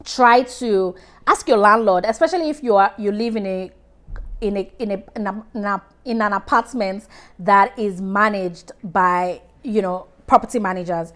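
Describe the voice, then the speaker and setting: A woman's voice: medium pitch, moderate pace, a bit bright. A woman giving casual money advice to camera in a direct, chatty way, often restarting her sentences and calling on viewers by name. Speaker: personal finance vlogger.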